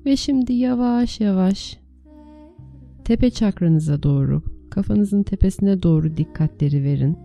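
A meditation teacher, a woman with a very dark, soft-edged, creaky-grained voice at medium pitch, leads a guided meditation. She offers gentle, soothing instructions in short, unhurried phrases while music plays behind her.

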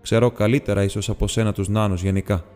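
A wise and dignified elf king, as a male narrator reads him from a storybook. He speaks solemnly, in a lowish voice with a long hall reverb behind it. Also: level tone, a little mellow, natural voice. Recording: long reverb with faint music.

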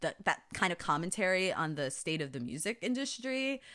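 A woman co-hosting a podcast, chatting casually in a lively, giggly way. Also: on the low side, brisk. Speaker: podcast co-host. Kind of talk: casual chat.

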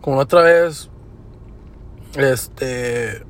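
This podcast host, a young man with a Mexican Spanish accent, draws out his words in a mid-range voice. He casually recounts work stories, crude and full of slang, in a relaxed manner.

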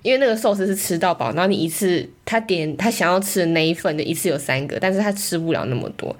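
A young woman talks quickly in casual chat. Her voice sits a little low, and she sounds indignant as she complains. Her delivery is brisk and direct. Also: expressive.

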